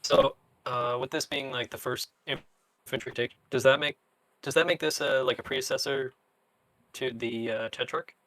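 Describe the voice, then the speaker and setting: A man's voice: medium pitch, steady tone, normal speed, fairly bright tone, no echo. A man bantering casually as a podcast co-host.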